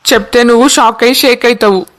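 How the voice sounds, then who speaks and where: Brash young man in a cartoon, voiced by one artist, boastful and cheeky, flat steady pitch. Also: quick pace. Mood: cocky.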